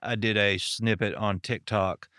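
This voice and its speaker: A man's voice: on the low side, fairly even intonation, unhurried, pushed and bright, clear, resonant tone, no echo, studio quality. A man with a Southern American accent from Arkansas, hosting a podcast and chatting in a folksy, storytelling way. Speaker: podcast host and pastor. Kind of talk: casual podcast interview.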